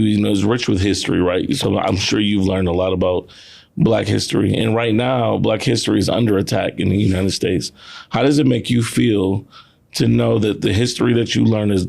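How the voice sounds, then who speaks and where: Low gravelly male interview host. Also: fairly quick, a little mellow. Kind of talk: interview questions.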